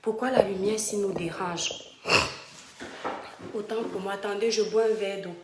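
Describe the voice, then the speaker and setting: A woman's voice: mid-range voice, fairly even intonation, moderate pace, heavy background noise. Woman telling stories, roomy sound. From Cameroon. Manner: emphatic, fond, addresses viewers directly. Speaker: live-stream storyteller. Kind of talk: casual storytelling to online followers. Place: home room. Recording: roomy home echo.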